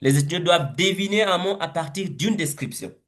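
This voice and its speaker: A man leading a teaching webinar, thinking aloud slowly and hesitantly as he walks through a word game. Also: sits high, expressive, fairly bright tone. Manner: slow, hesitant, thinking aloud with repeated words.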